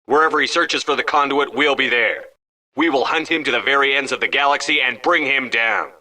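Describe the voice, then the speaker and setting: Commander Shepard, forceful starship commander. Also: male voice, mid-range voice, brisk. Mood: rousing, determined. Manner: firm, commanding, controlled delivery. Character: resolute human male starship commander, stern and steadfast. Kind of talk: video game voice acting.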